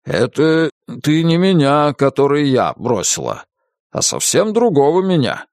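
A man voicing a good-natured, flustered male character in an audiobook, gentle and coaxing. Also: fairly high pitch, big pitch swings, a little slow, dry recording, clean studio sound.

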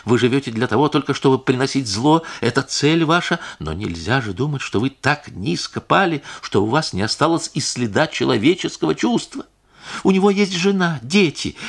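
A man's voice: on the high side, creaky, pitched above the performer's own voice. A male audiobook reader voicing a distraught, indignant noblewoman who pleads and accuses by turns. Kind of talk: audiobook character reading.

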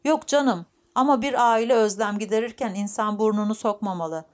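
A calm former preacher in a storybook, as a woman narrator plays him. He reasons rather than pleads and speaks in a reflective, musing way. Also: mid-range voice, normal speed, lightly acted.

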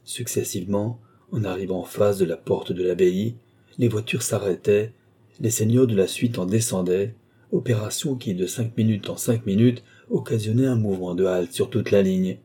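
Male audiobook narrator, dark and mellow, measured delivery. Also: on the low side, slightly rough.

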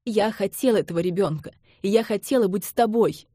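A woman reading the lines of a young woman who speaks softly and then cries out in desperation, in an audiobook. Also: mid-range voice, a little fast, no room sound, clean studio sound, natural voice. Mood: desperate. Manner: soft voice breaking into pleading cries.

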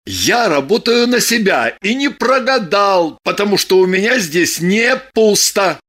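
A woman reading an audiobook voices a calm, firm man who teases his lover with dry mockery. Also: medium pitch, a little slow. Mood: coolly mocking. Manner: calm, firm, dryly mocking. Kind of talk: audiobook character voice.

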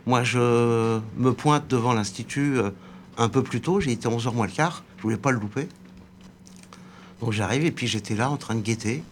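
Older man, radio guest, storytelling, quoted dialogue, middle-pitched voice, faint background noise. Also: moderate pace. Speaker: guest, former bookseller. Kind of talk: radio interview anecdote.

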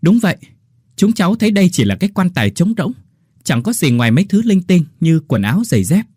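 A man voicing an alarmed young village gravedigger who shouts up from a grave. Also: sits high, sing-song, quick pace, breathy edge, no room sound, clean studio sound, pitched above the performer's own voice, exaggerated voice. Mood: shouting.

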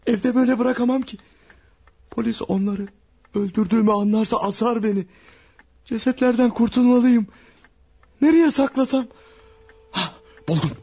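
In an old radio play with faint hiss, a man plays a cold-blooded killer muttering and gloating to himself, scheming as he hides his crime. His voice sits high with a breathy edge, moving at a moderate pace with long pauses.

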